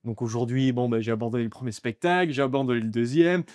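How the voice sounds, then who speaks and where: A man's voice: medium pitch, fast, darkish tone, dry recording. Hesitant young man, dry close sound. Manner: hesitant, many restarts and repeated words. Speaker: guest, aspiring comedian. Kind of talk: casual interview chat.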